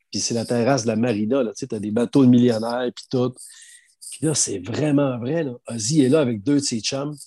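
A man's voice: medium pitch, husky, no room sound. A middle-aged man with a Quebec French accent telling anecdotes in casual, slangy conversation. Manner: animated anecdotal storytelling with slang. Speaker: storyteller guest sharing anecdotes. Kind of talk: casual chat.

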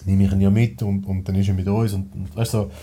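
A man with a Swiss German accent rambles bluntly as a podcast guest in a casual personal conversation, full of restarts and fillers. His voice is low-pitched, flat, mellow, and husky, and he talks fast.

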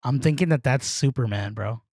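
A man co-hosting a podcast, chatting casually and excitedly with a lot of fillers. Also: mid-range voice, brisk, breathy edge, no echo, clean studio sound. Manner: excitable, rambling, many fillers. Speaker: podcast co-host. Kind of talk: casual chat.

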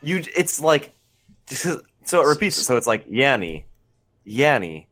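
A young man co-hosting a casual podcast, talking in an expressive, animated way. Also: fairly high pitch. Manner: animated, expressive, quick laughs. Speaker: podcast co-host.

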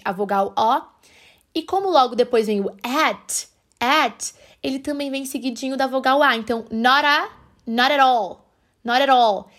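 A woman from Brazil, a podcast host explaining English pronunciation patiently, slowing down to model phrases. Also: on the high side, fairly bright tone.

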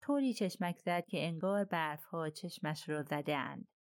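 A woman reading a crime novel aloud as an audiobook narrator, in steady, even storytelling. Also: sits low, no room sound, studio quality.

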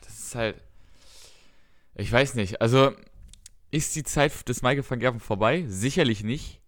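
A man in casual conversation on a darts podcast, with a voice of ordinary middle pitch. He rambles and corrects himself as he goes, often reeling off long lists of results. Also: unhurried. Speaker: podcast co-host. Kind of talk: casual chat about darts.

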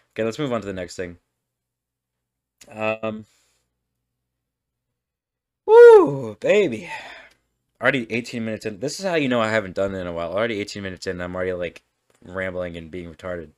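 A man's voice: low-pitched, fast talker. A young man hosting a podcast, rambling through a casual monologue, often breaking off and laughing at himself. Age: young adult. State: burping, hiccups. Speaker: podcast host.

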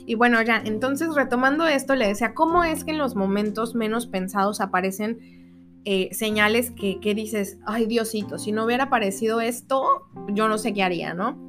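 A woman with a Mexican Spanish accent hosting a spiritual podcast, telling a story in a chatty, animated way, full of tag questions and self-corrections. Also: a little high, normal speed, faint music behind. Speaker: podcast host.

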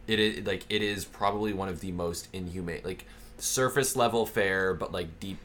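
Brief: deep-voiced male podcast co-host, rambling and sarcastic, faint noise behind. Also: normal speed, fairly bright tone. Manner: rambling, many fillers and restarts; sarcastic, profane. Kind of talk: casual political podcast chat.

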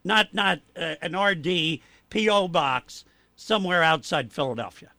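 A man's voice: on the high side, animated, normal speed, sharp tone, no echo. A man giving blunt, emphatic opinions as a regular commentator on a local radio sports show.

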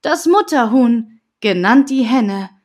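A woman's voice: fairly high pitch, lively intonation, slow, a little mellow. A woman reading aloud and voicing a pompous, long-winded male village official from a comic verse tale, in a raised, solemn voice.

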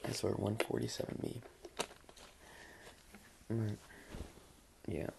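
Sleepy, gravelly young man. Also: fairly low pitch, slow. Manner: rambling, relaxed, sleepy, lots of fillers. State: sleepy with a dry voice. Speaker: podcast host. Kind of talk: casual late-night solo podcast. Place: bedroom, sitting on his bed. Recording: faint hiss in the background.

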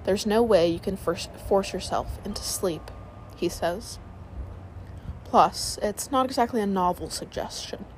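A woman narrating a sleep story, reading aloud in a calm, soothing way. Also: medium pitch, a little slow, slight background noise, poor audio.

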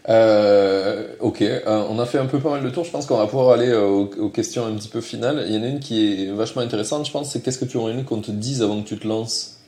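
Homme à l'accent du Sud, voix grave. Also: male voice, lowish voice, fast. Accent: southern French. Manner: relaxed, laughs easily, slangy. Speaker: podcast host. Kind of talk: casual interview chat. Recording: roomy echo.

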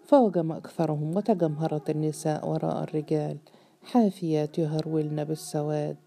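A woman narrating a novel as an audiobook, in a steady, measured storytelling voice. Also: low voice, a little hiss or hum.

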